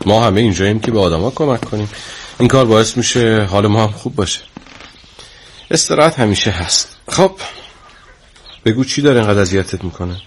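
A man playing a calm, low-voiced therapist. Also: pauses often, slight background noise, natural voice. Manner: calm, soothing, reassuring. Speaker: clinic therapist. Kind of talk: TV drama acting.

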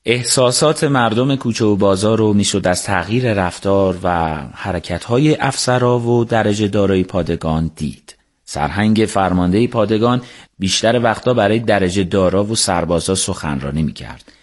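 Man reading a story aloud on radio, kinda low voice, calm and steady. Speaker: radio book narrator. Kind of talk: scripted narration.

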